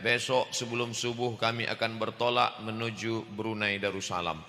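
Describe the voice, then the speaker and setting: A man preaching a loud, joking sermon to a large congregation, acting out little scenes. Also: level tone, normal speed, a little hiss or hum. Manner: loud, booming delivery. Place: large mosque. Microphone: handheld stage microphone. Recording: echoey mosque hall.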